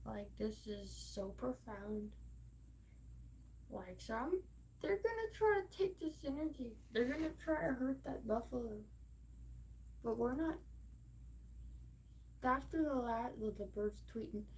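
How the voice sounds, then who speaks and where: A woman hosting a livestream, rambling slowly and emphatically with lots of swearing and fillers. Her voice sits a touch high. A faint background hiss stays under her talk. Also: expressive, a little mellow. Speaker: livestream host.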